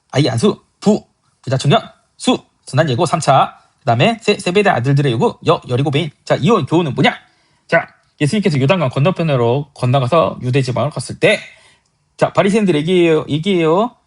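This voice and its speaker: A man teaching a casual Bible lesson, explaining lively and asking questions before answering them himself. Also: on the high side, brisk, husky.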